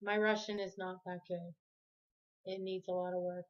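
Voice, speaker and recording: At home with the TV on, a Canadian vlogger talks casually to camera, rambling, chatting, and often correcting herself. Her voice is lowish and level at a normal speed, and the audio is dull.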